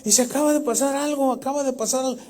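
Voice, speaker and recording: A man's voice: extremely high pitch, steady tone, fast, a little mellow, long reverb tail, pitched above the performer's own voice. A man voicing a frantic, weeping male pastor who begs for help. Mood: panicked pleading.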